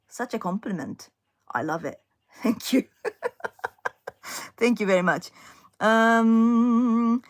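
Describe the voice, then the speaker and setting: A middle-aged woman from Japan with a Japanese accent hosts a casual livestream chat from home, reading out viewer comments and answering them. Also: medium pitch. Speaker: livestream host and singer. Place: home in London.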